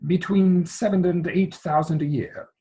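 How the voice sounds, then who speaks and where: A man playing an earnest, anxious young gentleman suitor in a theatrical comedy reading, speaking with formal, hesitant politeness. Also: high voice, fairly even intonation, measured pace, husky, rough recording. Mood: nervous, deferential.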